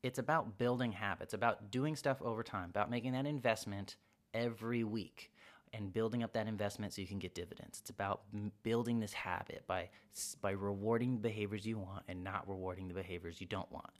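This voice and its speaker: Youngish guy rambling on his podcast, kinda low voice, does little voices for quotes. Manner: rambling, acts out quick quoted exchanges in a raised voice. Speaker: podcast host. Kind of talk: casual self-help monologue.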